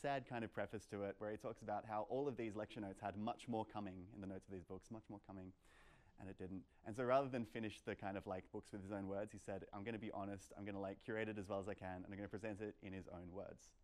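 In a medium-sized lecture room indoors, a young man presents at a meetup, his lowish, darkish voice moving quickly with fairly even intonation. His informal live talk includes audience questions, and his style is playful and conversational, peppered with "like" and "kind of."

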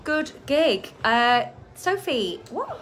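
Woman touring musician, casual vlog chatter, upbeat, loud music behind her. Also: sits high, sing-song, slow pace. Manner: chatty, upbeat, speaking to viewers.

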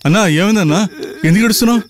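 A man's voice: high voice, racing, natural voice. An actor playing a timid henchman who anxiously coaxes his boss, in dubbed comedy film dialogue. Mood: worried. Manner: anxious, coaxing.

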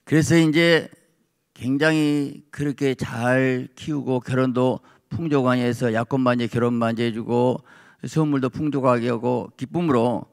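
Gravelly-voiced pastor preaching. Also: male voice, mid-range voice, moderate pace. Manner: animated storytelling, acting out voices in the anecdote. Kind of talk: sermon. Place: church sanctuary.

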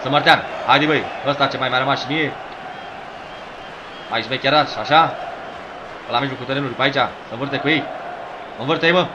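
Man doing rowdy, hoarse commentary on his own football game, shouting orders and jokes at his players. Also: mid-range voice, pauses often, muffled recording, crowd noise, background noise. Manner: yells at his players, rhymes and teases. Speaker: gameplay commentator.

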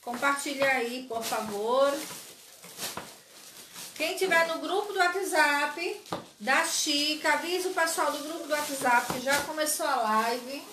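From a small indoor craft studio with shelves of dolls, a woman in her forties streams a live sewing tutorial. Her voice is high and slow, the room echoey, with background noise present. She keeps up a chatty flow, calling out viewers by name and using "certo?" often as a tag question.

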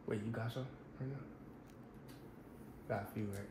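A man vlogger in casual chat, talking in a slangy, low-key way. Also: fairly even intonation, moderate pace. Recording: roomy echo with loud background noise.

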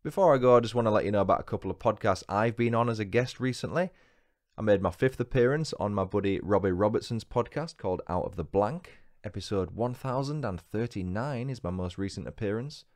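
A man's voice: on the low side, fairly quick, darkish tone. A man with a Northern English accent hosting a true crime podcast, reading his script with dry, wry asides. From England. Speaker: podcast host.

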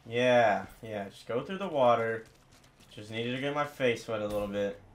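A young man cursing his way through gameplay commentary, frustrated and bursting into loud yells. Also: mid-range voice, expressive, normal speed. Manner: swearing, frustrated, bursts into yelling. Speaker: gamer.

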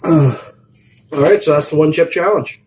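A man's voice: fairly high pitch, takes it slowly, a little mellow, slight background noise. A man co-hosting a casual video chat, talking in an upbeat, matter-of-fact way. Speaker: co-host.

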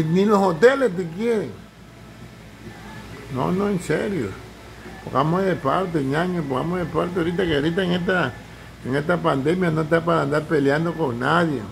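Gravelly-voiced man giving advice. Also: on the high side, a little hiss or hum, low-quality recording. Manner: joking, preachy, acts out quoted voices. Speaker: vlogger. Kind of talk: casual advice monologue to camera. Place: at home.

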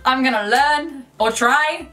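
A woman's voice: high voice, takes it slowly, far from the mic, faint music behind. A young woman with an Italian accent, chatting casually and playfully as a vlogger in a small bedroom. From Italy. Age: young adult. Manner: giggly, playful, animated. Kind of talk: casual chat.

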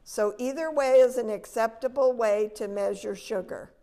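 A woman's voice: on the high side, normal speed, warm tone, slight background noise. An older woman giving a patient, step-by-step cooking demonstration in a large demo kitchen, filmed from a distance. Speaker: extension educator.

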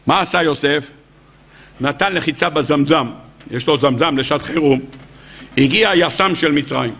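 Gravelly, bright-voiced rabbi telling a humorous sermon. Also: male voice, fairly high pitch. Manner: humorous, acts out the characters, questions the audience. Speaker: rabbi giving a weekly Torah lecture. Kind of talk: lively storytelling sermon. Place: lecture hall with a live audience.

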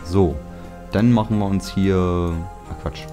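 A young man from Germany talks his way through a building game in an easygoing, rambling voice. His pitch sits very low, and he mutters jokey complaints to himself. Music plays clearly under his voice-over. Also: fairly even intonation, slow, dark tone. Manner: chatty, self-mocking, grumbling asides. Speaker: let's play host. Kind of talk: casual gameplay commentary.

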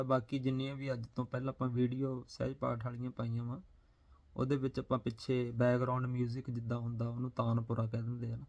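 A man hosting a religious channel, explaining recitation to viewers in a plain, steady way. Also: medium pitch, lo-fi sound. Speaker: religious teacher and channel host.

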